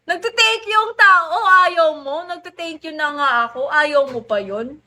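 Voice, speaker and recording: A young woman hosting a casual livestream, teasing a viewer and squealing with excitement as she thanks people for gifts. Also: sits high, measured pace. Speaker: livestream host.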